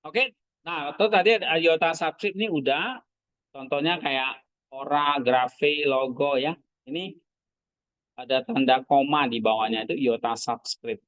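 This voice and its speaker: A man's voice: a little high, unhurried, a bit bright, dry recording, dull audio. A man teaching a class, asking his students short questions as he goes. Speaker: Greek language teacher. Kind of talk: classroom lesson.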